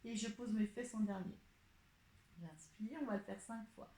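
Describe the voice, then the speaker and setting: A woman teaching a pilates class, calmly cueing each breath and movement step by step. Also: medium pitch, moderate pace. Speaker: pilates instructor. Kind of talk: guiding an exercise class. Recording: echoey room.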